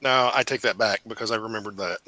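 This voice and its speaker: Bright-voiced man pressing for details. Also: on the low side, fast talker, no echo. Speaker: player. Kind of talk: casual tabletop play.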